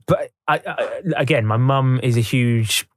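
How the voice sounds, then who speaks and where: A man's voice: mid-range voice, unhurried, dry recording, studio quality. A young man co-hosting a podcast, chatting and reading out film facts and quotes, laughing often. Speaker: podcast co-host. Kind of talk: casual chat, reading film history.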